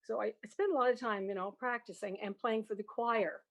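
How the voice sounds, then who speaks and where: A slightly high voice with fairly even intonation and a brisk pace comes through lo-fi sound. The speaker is an older woman with a Canadian accent from Prince Edward Island, a guest who teaches music and plays organ, reminiscing animatedly and casually with trailing asides.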